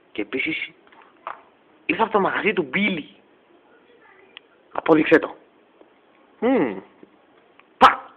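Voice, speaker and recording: A man's voice: mid-range voice, slightly rough. A man doing a comic parody dub, switching between many put-on character voices in a teasing way. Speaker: parody voice actor. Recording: dull lo-fi home recording.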